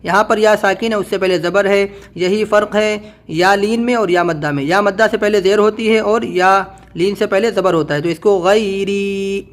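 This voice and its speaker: Male teacher, high voice, patient, slow syllable-by-syllable drilling. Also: steady tone. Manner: slow, drawn-out syllable-by-syllable spelling; patient, instructive explaining. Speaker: Quran reading teacher. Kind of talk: spelling-out recitation lesson.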